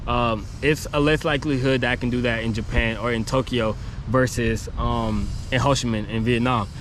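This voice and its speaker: On a city street beside construction work, a man who is losing his voice vlogs casually to camera about his travels, rambling and chatty with many fillers. His mid-range voice is steady and fairly bright at a normal speed. Passing traffic and city noise make the recording noisy.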